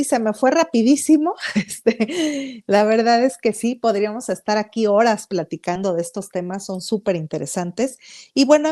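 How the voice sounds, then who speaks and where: A woman's voice: medium pitch, mellow. A woman with a Mexican accent, a psychologist guest on a podcast interview who explains her points one by one in an upbeat, emphatic way.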